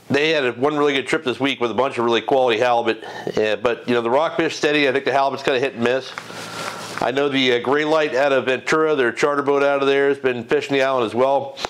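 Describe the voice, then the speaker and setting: A middle-aged man with a medium-pitched voice hosts an unscripted fishing report from his home garage in front of a green screen. Talking off the cuff into a lapel mic, he rambles with lots of fillers, restarts and self-corrections, and the recording sounds rough.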